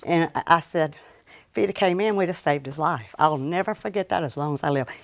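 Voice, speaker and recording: A woman's voice: low-pitched, fairly quick, no echo. A woman from an imaging clinic explaining scan results casually and emphatically, often repeating "absolutely". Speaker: imaging center staff.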